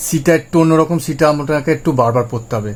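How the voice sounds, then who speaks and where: A man's voice: fairly high pitch, quick pace. A man with a Bengali accent teaching English reading, patiently spelling out letter sounds and repeating each one. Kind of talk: spoken language lesson.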